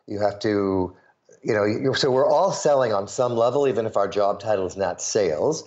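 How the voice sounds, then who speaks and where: A man with a lowish voice and muffled highs speaks at a normal pace. He's from the Chicago suburbs in the US Midwest, a sales pitch coach appearing as an interview guest, animatedly telling stories and acting out the voices of people he quotes.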